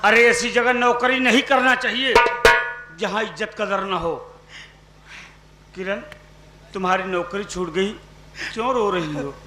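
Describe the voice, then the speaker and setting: A man's voice: high-pitched, a little slow, pauses often, noisy background. A man playing a devoted young lover in a folk stage play, talking in a soothing, consoling way. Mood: comforting. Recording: roomy stage sound with loud music.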